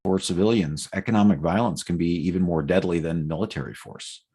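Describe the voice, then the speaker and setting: A man's voice: sits low, a little fast, dark tone, breathy edge. A man from the United States, presenting a policy platform in an unscripted explanatory talk with fillers and restarts.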